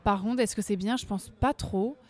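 A woman's voice: mid-range voice, moderate pace, darkish tone. A young woman singer talking casually in an interview, chatty, laughing often, full of fillers and restarts. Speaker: singer guest.

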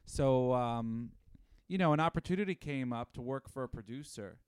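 A man's voice: mid-range voice, moderate pace, clear, resonant tone, no echo, clean studio sound. A man in his thirties, a guest telling stories in casual chat with lots of fillers. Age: 30s. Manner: animated storyteller with many fillers. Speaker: podcast guest.

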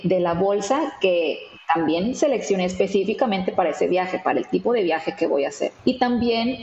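A woman's voice: mid-range voice, a little mellow, reverberant, dull audio, slight background noise. A woman, a guest in an interview, telling a story in a chatty way with many fillers and tag questions. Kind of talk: conversational storytelling.

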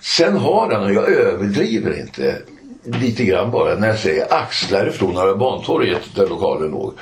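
Older male guest: deep, animated storyteller, chatty, peppers stories with fillers and tag questions. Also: a little hiss or hum. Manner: animated anecdotes with frequent "eh" and "va?" tags. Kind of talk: casual storytelling.

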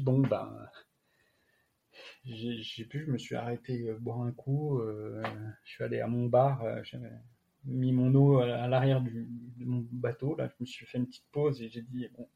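Speaking with a French accent, this male athlete guest shares his story informally during an interview, stumbling through frequent fillers and false starts. His medium-pitched voice is steady, gravelly, and warm, though the audio is muffled.

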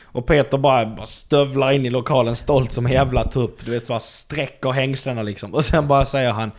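A man recounting a comedy-club anecdote in casual podcast talk. He tells it with energy, slipping into the voices of the people in his story. His voice sits at an ordinary middle pitch. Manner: lively anecdote-telling, acts out quoted people. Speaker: stand-up comedian.

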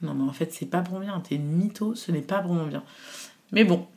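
A woman in her thirties telling a personal story in casual chat, animated and full of fillers, often quoting what others said. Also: on the low side, brisk.

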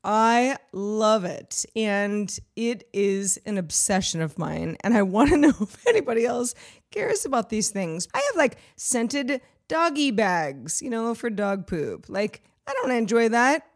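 A woman's voice: fairly high pitch, expressive, unhurried. A woman co-hosting a podcast in casual chat, enthusiastic and giggly, with lots of "like". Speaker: podcast co-host.

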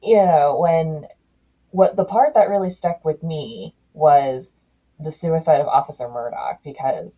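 A woman's voice: sits low, unhurried, slightly rough, low-quality recording. A woman in her thirties hosting a podcast, chatting casually and telling stories with lots of restarts. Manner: chatty, animated storytelling with many restarts. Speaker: podcast host. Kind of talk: casual conversation.

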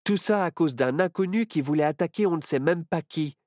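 A storyteller voicing a sad, gentle child who speaks wistfully. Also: mid-range voice, fairly quick, no room sound, studio quality, voice pushed up, natural voice. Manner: soft, wistful.

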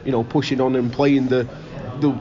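A man's voice: medium pitch, little pitch movement, brisk, dark tone, dull audio. A man, a local radio football commentator, answering interview questions enthusiastically and emphatically, often repeating words. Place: busy pub. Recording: busy pub chatter behind.

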